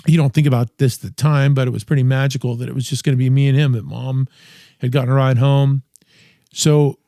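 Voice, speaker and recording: A middle-aged man hosting a podcast, telling a personal story in a quiet, tired, rambling way with many restarts. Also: medium pitch, no room sound, studio quality. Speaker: podcast host.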